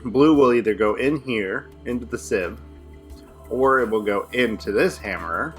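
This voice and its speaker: With faint music in the background, a young man co-hosting a modded building game with a friend talks himself through each step. He thinks aloud rapidly as he builds, in a mid-range voice.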